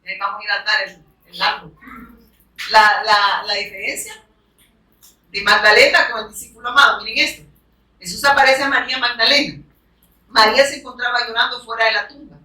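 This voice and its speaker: Preaching to her congregation with emphasis, this woman tells listeners to look closely and marks her points with "amen." Her voice is on the high side, steady and sharp, a little fast with long pauses, captured from afar in an echoey room.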